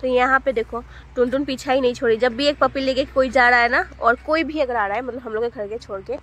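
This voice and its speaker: A woman in her thirties hosts a casual family vlog from her home. Her voice sits a bit higher than most. She chats fondly and repeats words in an affectionate way. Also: a little fast, a bit bright. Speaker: vlog host and mother.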